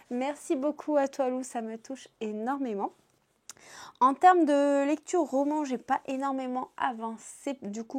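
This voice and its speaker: A woman's voice: fairly high pitch, darkish tone. A young woman from France chatting casually in a book vlog, with lots of fillers, saying she is tired. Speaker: book vlogger.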